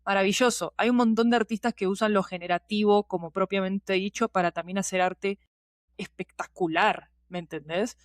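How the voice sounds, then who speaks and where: A podcast guest who produces audio fiction talks at normal speed in a steady, medium-pitched voice. Her Rioplatense Spanish accent colors an informal, slangy exchange where she airs her opinions and leans on conversational tags. There's no echo, and the sound is studio quality.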